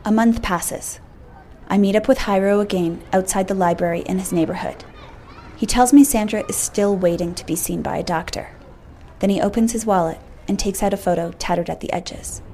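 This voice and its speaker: Woman radio reporter reading her story, warm dark voice, faint hiss behind. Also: mid-range voice, normal speed. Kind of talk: scripted radio narration.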